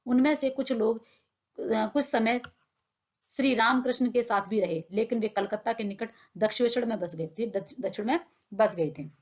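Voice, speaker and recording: A woman's voice: on the high side, moderate pace, darkish tone. A young woman teacher explaining a textbook lesson in plain words, asking her own questions and answering them. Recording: dull lo-fi sound.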